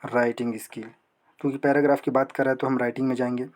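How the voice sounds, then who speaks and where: A young man teaching an exam prep lesson, asking questions and answering them himself, reading English text slowly. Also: mid-range voice, flat delivery, a little mellow.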